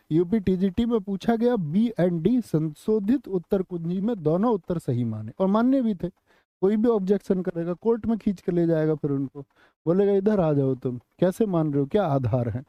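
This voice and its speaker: High-voiced man drilling students fast. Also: warm tone, dry recording. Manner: rapid, drilling questions to students. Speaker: teacher. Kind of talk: online exam coaching lesson. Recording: slightly muffled lo-fi audio.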